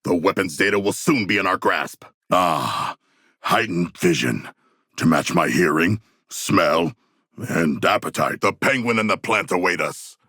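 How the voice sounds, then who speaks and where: An actor playing a huge, noble, battle-hungry shark warrior in a video game, speaking in formal, literal-minded, grandiloquent language with a rough gravelly voice. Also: male voice, sits low, animated, measured pace, sharp tone, no echo, studio quality, full character voice. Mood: proud, measured. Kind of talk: video game character voice lines.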